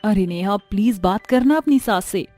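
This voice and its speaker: A woman's voice: medium pitch, animated, normal speed, warm tone, dry recording, soft background music, natural voice. A woman voicing an eager, chatty young friend in a storybook tale. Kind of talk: storybook voice acting.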